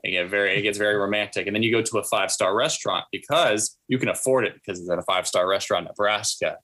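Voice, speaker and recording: A man's voice: lowish voice, rapid-fire, bright, forceful tone. A young man in casual podcast chat, rambling with lots of fillers and playful made-up stories. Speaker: podcast co-host.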